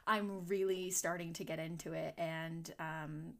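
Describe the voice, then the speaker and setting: A woman co-hosts a casual podcast. She is playful and animated, and sometimes trails off mid-thought. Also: low voice, unhurried, creaky. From New England. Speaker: podcast co-host. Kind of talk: casual chat.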